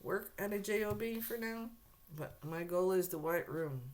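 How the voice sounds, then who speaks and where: Losing her voice and hoarse, a woman doing a casual on-camera tarot reading speaks at normal speed in a mid-range, slightly mellow tone. She clears her throat a lot and talks to the viewer in a blunt, direct way.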